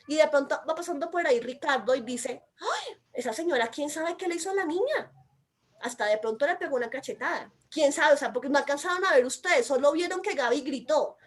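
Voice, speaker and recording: A Colombian woman with a Colombian accent speaks in a high voice, explaining a legal text with emphatic, insistent delivery. She sounds naturally loud, as if she is almost shouting, and keeps pressing her points home. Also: lively intonation, fairly quick. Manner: emphatic, calls herself loud and shrill by nature. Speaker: mother and commentator. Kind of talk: explanatory commentary.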